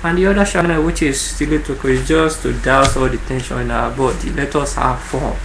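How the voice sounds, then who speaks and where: A man's voice: mid-range voice, fairly even intonation, moderate pace, gravelly. A man with a Nigerian accent speaking earnestly and informally to viewers, often repeating words and phrases for emphasis. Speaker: online channel host. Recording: echoey room with faint background noise.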